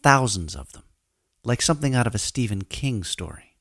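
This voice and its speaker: A man's voice: mid-range voice, lively intonation, normal speed, a bit bright, no echo. A man hosting a storytelling podcast, narrating scripted comic tales in the first person with a wry, mock-solemn, theatrical delivery.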